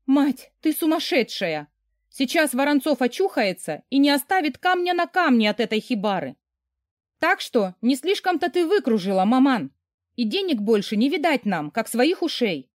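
A woman reading an audiobook, voicing the narrator's hysterical young sister with a shrill, yelling delivery. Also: sing-song, moderate pace, dry recording, clean studio sound.

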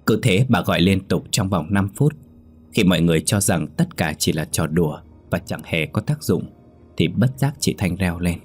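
A man narrating a scripted ghost story in a measured, dramatic way. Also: low voice, lively intonation, breathy edge, soft background music.

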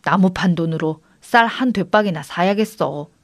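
A woman's voice: on the low side, moderate pace, dry recording, clean studio sound, lightly acted. A woman voicing a poor, kind young woodcutter who talks earnestly and exclaims aloud.

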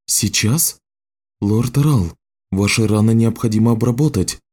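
A man's voice: medium pitch, moderate pace, a little mellow, natural voice. A man voicing Esther, an anxious, flustered woman caretaker in an audiobook, speaking urgently. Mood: worried.

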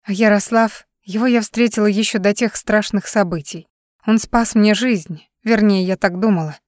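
A woman's voice: medium pitch, steady tone, normal speed, no echo, clean studio sound, lightly acted. A woman reading the part of a tearful young woman worn out by lies in an audiobook. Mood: distraught. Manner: emotional, pleading.

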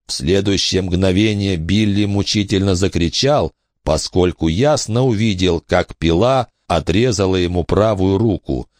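A man's voice: low voice, measured pace, hardly any pauses, a little mellow, dry recording, clean studio sound. A man reading a horror audiobook as narrator, telling the story expressively.

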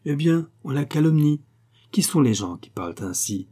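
A man voicing a proud young gentleman who speaks in heated, emphatic bursts, in a read-aloud novel. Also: fairly high pitch, sing-song, moderate pace, breathy edge, voice pushed up. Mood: indignant. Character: proud young gentleman, hot-tempered and indignant.

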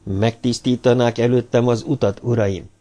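A man's voice: medium pitch, steady tone, mellow, natural voice. A man reading an audiobook, voicing a humanoid male robot who questions firmly and insistently, his voice raised above his narrating tone.

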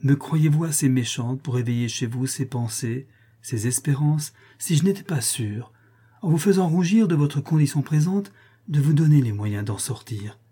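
Casting: soft earnest young woman, read by a man, mellow husky voice. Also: mid-range voice, normal speed, close to an everyday voice. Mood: compassionate. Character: gentle young woman, Fleur-de-Marie.

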